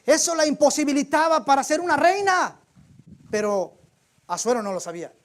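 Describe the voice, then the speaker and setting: A man's voice: very high voice, expressive, normal speed. A man preaching a sermon in a church, telling the story in a colloquial, humorous way.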